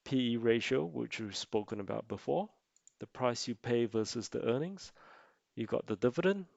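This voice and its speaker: A man narrating an explanatory tutorial as an amateur presenter, speaking haltingly in short phrases. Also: medium pitch, animated, creaky, darkish tone, no room sound, dull audio. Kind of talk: explanatory investing tutorial voice-over.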